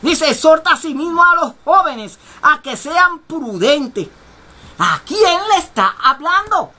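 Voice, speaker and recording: A woman preaches a radio sermon in a high, bright, cutting voice. She drives her points home by repeating phrases, and every so often she breaks into a shout. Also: sing-song, slow pace. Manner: emphatic, repetitive, bursts of shouting.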